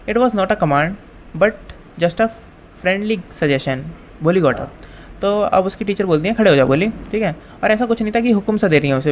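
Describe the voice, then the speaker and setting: A man with a fairly high voice and an Indian English accent teaches a school chapter. He reads each textbook line slowly, then bursts into a quick explanation in mixed languages. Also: slight background noise.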